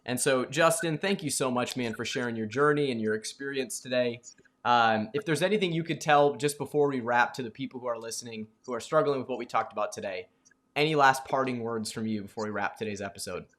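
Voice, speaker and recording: A man's voice: medium pitch, a little fast, fairly bright tone. A man hosting a business podcast interview, wrapping up with earnest coaching advice.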